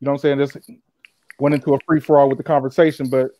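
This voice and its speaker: A man hosting a casual livestream chat, talking fast in loose slang. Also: medium pitch, flat delivery, warm tone, dry recording. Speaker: podcast host.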